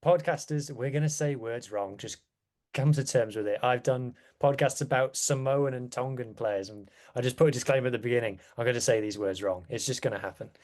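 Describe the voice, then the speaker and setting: A man's voice: medium pitch, a little fast, darkish tone. A man chatting casually as a rugby podcast guest, with wry, self-deprecating asides. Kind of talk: casual chat.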